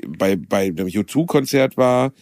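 A man with a fairly low voice chatting casually, telling a story in a hesitant, reflective way with frequent fillers. He is recorded close and dry. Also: lively intonation, moderate pace, darkish tone, no room sound. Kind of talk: casual chat.

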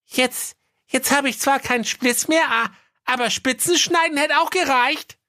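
A woman's voice: high voice, a little slow, sharp tone, no room sound, studio quality. A woman voicing a cheeky young fairy-tale maiden in a sassy, mocking way. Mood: dismayed.

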